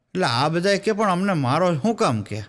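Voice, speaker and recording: A stand-up comedian who tells folk stories and acts out the people in them, throwing quick asides to the audience. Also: male voice, high-pitched, very animated. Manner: storytelling in quoted voices, with the audience laughing along; tosses quick asides to the crowd. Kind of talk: Gujarati folk comedy storytelling on stage.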